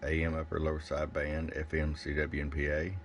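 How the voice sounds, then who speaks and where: A product reviewer with a very deep, monotone voice speaks briskly during a casual bench review of gear. Working at an indoor electronics workbench, he is plain-spoken and thinks aloud, with faint background noise in the recording.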